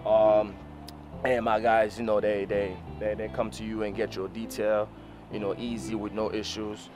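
Low-pitched man in a casual vlog. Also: level tone, normal speed, music in the background. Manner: repetitive, explanatory, addresses viewers directly as "you guys". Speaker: mobile car detailer and video host. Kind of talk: casual instructional vlog talking to camera. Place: outdoors on an open rooftop parking lot beside a van. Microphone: camera mic, mostly handheld at arm's length.

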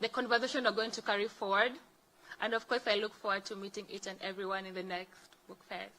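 Woman, Kenyan accent, bright projected voice, medium pitch, formal guest speech. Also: level tone, quick pace, poor audio. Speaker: guest speaker, book fair fellow. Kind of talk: formal thank-you speech.

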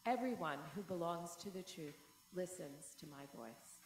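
Calm steady jesus on trial, woman reader, low-ish voice, church echo from afar. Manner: calm, measured reading. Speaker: liturgy reader. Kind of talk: dramatic scripture reading. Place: large church. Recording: echoey church from far off.

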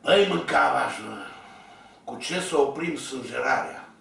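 A man's voice: medium pitch, lively intonation, vocal fry, a bit bright, heavy reverb, far from the mic. A man telling a personal story in a blunt, colloquial way, talking straight to his listeners. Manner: coarse, blunt, colloquial, addressing listeners directly. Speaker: storyteller vlogger. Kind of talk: rambling spoken storytelling.

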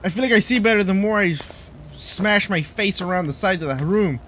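A man's voice: high-pitched, brisk, a bit bright, a little hiss or hum, rough recording. A young man giving goofy, jokey commentary while playing a horror game for his channel. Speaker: gaming channel host.

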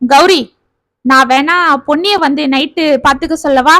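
Lady doing an older mom, earnest and pushy, high voice. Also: normal speed, fairly bright tone, no echo. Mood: insistent. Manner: earnest, insistent. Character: caring older mother-in-law, devoted and insistent.

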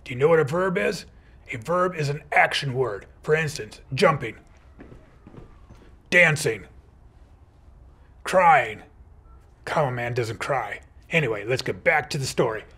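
Husky man as a playful comma superhero. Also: medium pitch, expressive, unhurried, pauses often, a bit bright. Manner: playful, upbeat superhero persona. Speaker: teacher playing a comma superhero. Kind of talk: educational video for kids.

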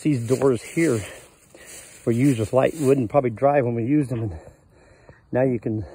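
An older man gives a casual walkthrough of his cabin out in the woods, rambling in a folksy way with plenty of fillers while filming on a handheld phone. His voice is medium-pitched and mellow, with slight background noise.

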